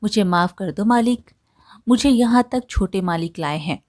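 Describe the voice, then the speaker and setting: A woman's voice: mid-range voice, expressive, normal speed, a little mellow, natural voice. A woman voicing a poor, humble male farm laborer who begs his master for help in a storybook tale. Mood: pleading. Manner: pleading, humble.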